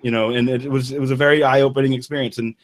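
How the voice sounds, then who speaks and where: Man, interview guest, medium pitch, eager, chatty, lots of restarts. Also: flat delivery, quick pace. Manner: enthusiastic, rambling with restarts. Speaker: guest engineer. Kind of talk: casual interview talk.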